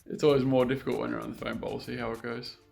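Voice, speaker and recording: Over music, a man rattles off rapid-fire talk in a mid-range voice with little pitch movement and some vocal fry. He's an English native speaker vlogging casually to his viewers about learning a language, upbeat and self-mocking.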